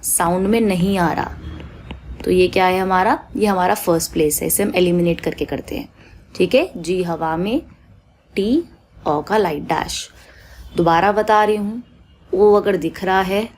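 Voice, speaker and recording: A woman's voice: medium pitch, a little mellow, slight background noise. A woman teaching shorthand on a shared screen, patient, repeating each rule and drawing out vowel sounds in her examples. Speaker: stenography teacher.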